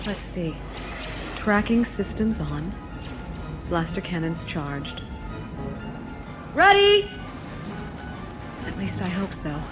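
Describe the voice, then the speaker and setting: An actress playing a determined, plucky princess gunner in a science fiction audio drama, earnest and dramatic. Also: female voice, on the low side, big pitch swings, takes it slowly, long pauses, over music. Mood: wry, tense. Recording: loud orchestral score behind.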